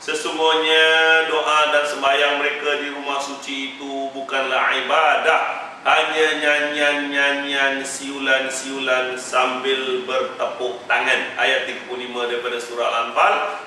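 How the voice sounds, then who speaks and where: A man with a Malaysian Malay accent giving a lively Quran commentary class as a religious teacher, teasing and mimicking as he explains. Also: medium pitch, a little hiss or hum. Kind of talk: Quran tafsir class lecture. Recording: very echoey room, mic far off.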